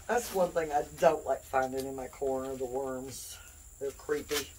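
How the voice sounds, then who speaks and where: A woman's voice: very deep voice, fairly even intonation, measured pace, background noise. A woman hosting a homestead cooking video, chatty and playful, joking and laughing as she explains the steps. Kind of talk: casual kitchen demonstration. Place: home kitchen.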